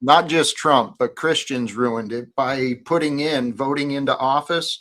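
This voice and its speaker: A man's voice: medium pitch, measured pace, a bit bright. A man hosting an earnest spiritual discussion in a preachy, emphatic way. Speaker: host of a faith discussion.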